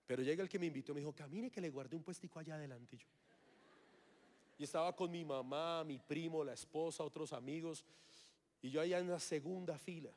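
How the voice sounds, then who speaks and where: A man's voice: on the high side, a little fast, darkish tone. A man, giving a sermon testimony and acting out his own past reactions as he tells the story. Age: 30s. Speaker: preacher.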